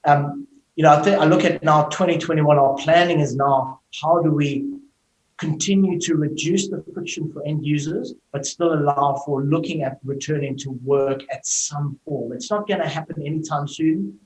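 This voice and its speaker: Over a video call, this middle-aged guest, a tech executive with a South African accent, explains things fluently in an interview and often says "you know." He has a fairly high voice with a darkish tone at a moderate pace, recorded with roomy echo.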